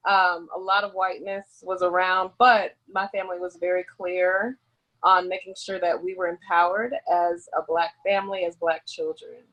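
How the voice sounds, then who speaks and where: Flat-toned woman professor from Dallas. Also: lowish voice, normal speed, highs cut off. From Dallas, Texas. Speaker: therapist and professor. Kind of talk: panel introduction.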